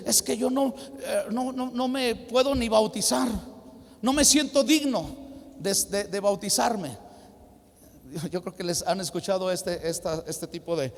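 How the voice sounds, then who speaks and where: A male pastor with a high, bright voice preaching to a youth congress. His words ring out through a large hall with a long reverb, and he moves between loud emphasis and quiet storytelling. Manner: emphatic preaching, dropping to a hushed voice when telling a personal story. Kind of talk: sermon.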